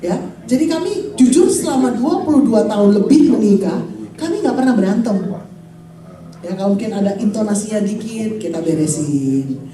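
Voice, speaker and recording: A woman in her forties, a pastor preaching a lively sermon and calling out to her congregation. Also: mid-range voice, moderate pace, crowd noise. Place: church hall. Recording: echoey hall, voice from far off.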